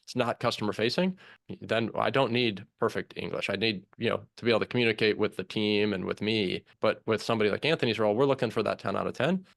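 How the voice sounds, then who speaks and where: A man with a low, gravelly voice explains things in a loose, chatty way. He is a business owner who is a guest on a podcast. He walks through his ideas step by step and uses lots of fillers. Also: fast talker. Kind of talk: casual interview chat.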